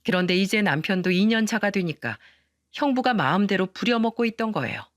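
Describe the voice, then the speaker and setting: A woman's voice: mid-range voice, expressive, brisk, no room sound, studio quality. A woman narrating a first-person story in an indignant, storytelling manner.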